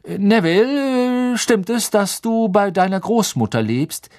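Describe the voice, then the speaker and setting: A man reading aloud and voicing a good-humored, kindly middle-aged male professor who coaxes a nervous pupil in a cheerful, drawn-out way. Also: high voice, animated, darkish tone, voice pushed up, full character voice. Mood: cheerful coaxing. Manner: cheerful, coaxing, drawn-out questions.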